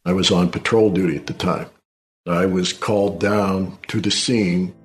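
A man's voice: sits low, fairly even intonation, moderate pace, soft background music. An American man, a state trooper, giving a formal, matter-of-fact account in an interview. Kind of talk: factual interview recollection.

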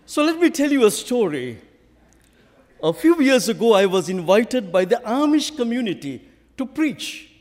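A man with a Sri Lankan accent preaching a sermon with stories and scripture, speaking emphatically and deliberately. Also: extremely high pitch, sing-song, darkish tone. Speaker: visiting preacher. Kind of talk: sermon with storytelling and scripture reading. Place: large church hall, preaching to a congregation. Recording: hall reverb from a church PA.

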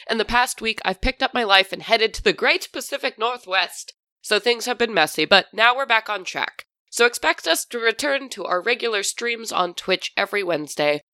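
A woman hosts a podcast in a chatty, informal manner. Her voice is bright and crisp in a dry, close recording. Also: mid-range voice, no echo. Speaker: podcast host and game master. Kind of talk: informal scripted podcast announcements and hosting.

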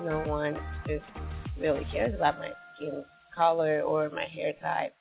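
A woman's voice: low voice, flat delivery, measured pace, vocal fry. A young woman in her twenties, a model, speaking candidly about her experiences backstage. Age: 20s. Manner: casual, candid. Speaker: fashion model. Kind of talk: interview testimonial. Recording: phone-like sound with faint music.

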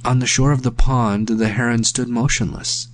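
A man reading a haunting story aloud in measured, hushed storytelling. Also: medium pitch, steady tone, a little hiss or hum. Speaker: narrator. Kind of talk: scripted narration of a story.

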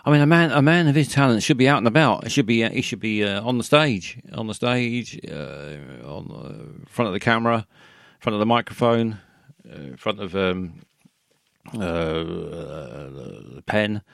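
A man hosts a call-in radio show with a low, gravelly voice. He wanders from thought to thought, stalling on fillers and restarting his sentences. The sound is dry and close to the mic. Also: expressive, fairly bright tone, dry recording. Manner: meandering, halting, many fillers and restarts. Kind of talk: rambling one-man call-in chat.

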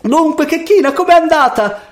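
A man voicing a greedy, domineering mother in a read-aloud fairy tale, shrill and scolding. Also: sing-song, normal speed, lightly acted. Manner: shrill, shouting, then fawning.

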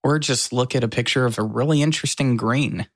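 An American man co-hosts a podcast, chatting casually in a wry, self-deprecating way. His voice is medium-pitched and brisk, captured with studio quality and no echo.

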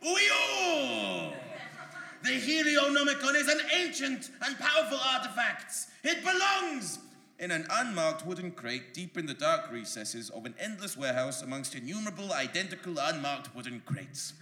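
An actor playing a grandiose, bumbling bureau administrator who fancies himself a hero, in a live comedic audio drama. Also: male voice, sits high, very animated, normal speed, pushed and bright, exaggerated voice. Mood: pompous. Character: pompous heroic male bureau administrator. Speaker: comedy stage performer. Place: live performance venue. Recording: echoey live venue.

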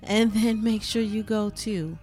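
A woman's voice: mid-range voice, unhurried, darkish tone, soft background music. A woman co-hosting a podcast in casual chat, short of breath from being pregnant. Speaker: podcast co-host.

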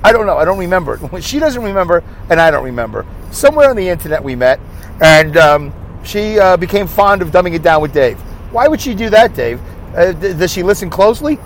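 Fairly quick and sing-song, this high-voiced Brooklyn man rambles through a solo podcast while driving down a highway. He mocks himself cheerfully and keeps asking himself rhetorical questions. Soft road noise from the car hums in the background.

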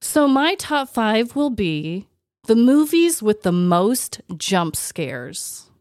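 A woman's voice: fairly high pitch, slow, dry recording, clean studio sound. A woman co-hosting a podcast in casual, chatty style, sounding nasal and congested with a slight cold. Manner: animated, chatty, self-deprecating. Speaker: podcast co-host. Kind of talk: casual chat.

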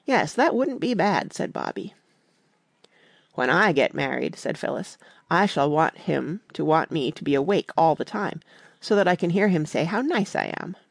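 A woman's voice: low-pitched, moderate pace, creaky, no room sound. A woman reading a classic children's novel aloud, giving the children's lines a light touch. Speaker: audiobook reader. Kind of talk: scripted narration.

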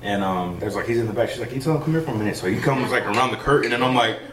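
A man's voice: medium pitch, racing, a crowd in the background. A young man, a saxophonist guest, chatting casually and telling a story, with lots of fillers along the way. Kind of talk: casual interview chat. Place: theater loft, live session. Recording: echoey room, mic far off.

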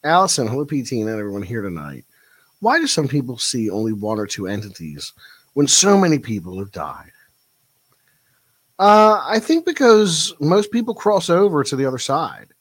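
A man hosts a late-night live stream, pondering viewer comments in a relaxed, reflective way. His pitch moves around expressively. The sound is close and dry, with no room around it. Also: moderate pace, slightly rough, no echo. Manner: thoughtful, reflective, with frequent fillers. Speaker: livestream host. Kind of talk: casual livestream chat reading viewer comments.

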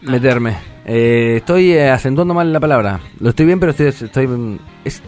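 A man's voice: medium pitch, moderate pace, soft background music. A man with an Argentine accent hosting and joking through a casual group game with friends. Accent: Argentine Spanish. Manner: playful, joking, lively.

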